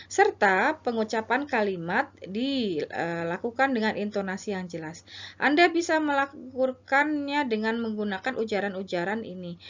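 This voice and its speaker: A woman teacher talks through a recorded slide lesson in a fairly high voice. She explains casually with small fillers and reads sample dialogues slowly and with emphasis. The recording sounds dull and lo-fi.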